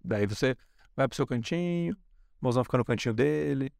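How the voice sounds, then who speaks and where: A young man with a Brazilian Portuguese accent talks through a casual solo podcast in a mid-range voice. He is chatty and loose, and slips into playful voices for quick bits of dialogue. The sound is dry and close, with no room around it. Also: medium pitch, lively intonation, creaky, darkish tone, no room sound. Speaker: podcast host.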